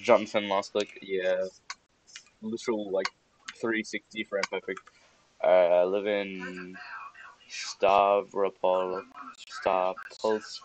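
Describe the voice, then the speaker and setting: A man with a fairly low voice comments on his game stream in a loose, grumbling way, often mocking his own mistakes. Mouse clicks and steady noise sit clearly under his voice on the recording. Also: low-quality recording. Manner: frustrated, self-mocking, muttering asides while playing. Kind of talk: casual gaming livestream commentary.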